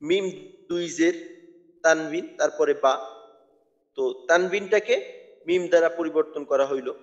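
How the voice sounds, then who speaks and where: A man teaching Quran recitation rules, spelling out letters and vowel marks slowly and deliberately. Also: on the high side. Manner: slow, deliberate, drawn-out spelling of sounds. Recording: dull lo-fi sound with long reverb.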